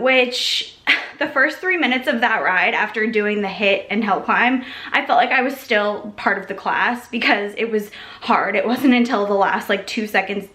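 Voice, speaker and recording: A woman's voice: mid-range voice, sharp tone, roomy sound. A woman vlogging to a handheld camera in casual, upbeat chat, full of likes and ums, out of breath after a workout. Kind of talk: casual vlog talk to camera.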